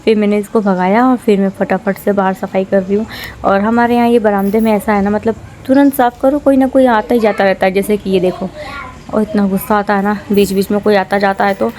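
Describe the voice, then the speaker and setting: A woman's voice: medium pitch, steady tone, brisk, darkish tone. A young woman chats through her home vlog at an easy, rambling pace, dropping English words into her talk. Her voice sits at a middling height. She records on a phone in her small room, with a faint household hum underneath. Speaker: vlogger. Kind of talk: casual home vlog chat.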